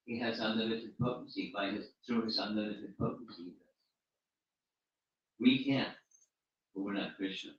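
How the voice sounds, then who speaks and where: A man, a spiritual teacher, giving an informal religious talk and answering questions. He speaks haltingly and often repeats and restarts his words. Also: on the low side, fairly even intonation. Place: room at a home gathering. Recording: roomy, distant, dull recording.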